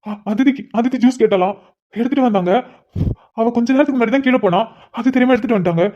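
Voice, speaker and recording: A woman's voice: fairly high pitch, fast talker, natural voice. A woman voicing a young businessman husband in a cartoon, polite on calls and wailing when hurt. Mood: pained. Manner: pleading, wailing in pain. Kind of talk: cartoon voice acting. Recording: dull lo-fi sound.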